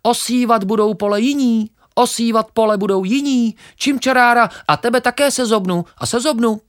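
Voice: mid-range voice, voice pushed up, natural voice. A reader voicing a small, boastful male sparrow in a children's story, who chirps a nonsense refrain and repeats himself. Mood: chirpy.

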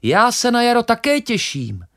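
A reader voicing a small, patient, wise grain of wheat in a children's story, talking calmly and reasoning gently. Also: medium pitch, voice pushed up. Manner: calm, reasoning, gently coaxing.

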